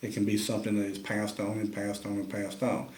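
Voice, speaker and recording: In a lowish, darkish, monotone voice and at a fairly quick clip, a turkey call maker and instructor drawls through a folksy tutorial on pot call care, calling to viewers as y'all. The audio has a roomy quality.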